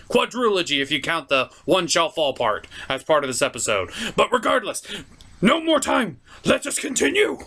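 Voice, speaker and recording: Speaking in a high-pitched voice, this male host of a puppet review show delivers animated recaps. His style is showy and emphatic, with plenty of drawn-out words.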